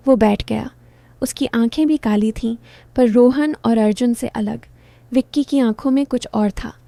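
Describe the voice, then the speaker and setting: A woman narrating a first-person story in short, clipped sentences with a plain, even delivery. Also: fairly high pitch, no room sound.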